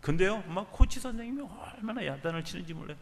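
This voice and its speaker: A man preaching a sermon as pastor, swinging from loud urging to soft near-whispers. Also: high voice, lively intonation, fast talker, vocal fry. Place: church sanctuary. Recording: church hall with long reverb.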